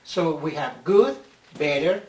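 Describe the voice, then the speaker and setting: English teacher, roomy distant sound. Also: male voice, on the high side, expressive. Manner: slow, careful explanations, stretching out example words. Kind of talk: slide-based grammar lesson.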